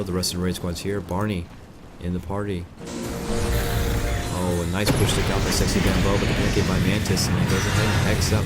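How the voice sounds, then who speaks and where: A man giving casual, rambling live play-by-play commentary on a video game, correcting himself as he goes. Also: low voice. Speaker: esports caster. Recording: music and game battle sounds behind. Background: game music with battle sound effects.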